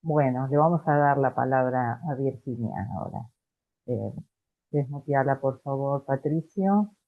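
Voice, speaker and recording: A man moderating a virtual meeting, passing the floor to the next speaker in a brisk, organizing way. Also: mid-range voice. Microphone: video call. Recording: tinny phone-like call audio.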